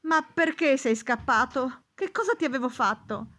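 A woman voicing a frantic gentleman who has lost his nose, crying out in shrieking, desperate shouts. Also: high-pitched, animated, moderate pace, voice pushed up. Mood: anguished.

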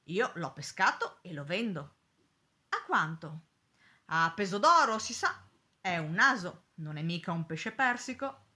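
A woman's voice: lowish voice, big pitch swings, a little slow, pushed and bright, exaggerated voice. A woman voicing a stubborn fisherman who speaks in a blunt, matter-of-fact way. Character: stubborn fisherman haggling over a catch.

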